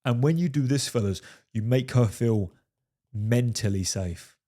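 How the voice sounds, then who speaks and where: A man's voice: mid-range voice, measured pace, dark tone. A man giving dating advice straight to camera, emphatic, often saying "fellas" and "right?" and swearing for emphasis. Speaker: dating coach. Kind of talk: direct-to-camera advice monologue.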